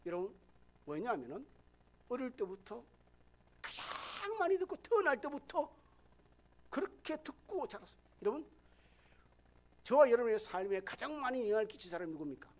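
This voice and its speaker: A man preaching a sermon in a softened Gyeongsang accent from Busan. He turns to the congregation again and again and moves between loud, emphatic lines and low, quiet asides. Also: big pitch swings, a little fast, long pauses. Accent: softened Gyeongsang Korean. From Busan, South Korea. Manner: addresses the congregation directly, often saying "여러분". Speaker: pastor. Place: church sanctuary.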